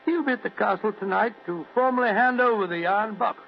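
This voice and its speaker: High, gravelly genial Doctor Watson. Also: male voice, fast. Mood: earnest. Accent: British. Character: Doctor Watson, genial older English gentleman storyteller. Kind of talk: old radio drama narration. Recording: muffled old radio recording with hum and hiss.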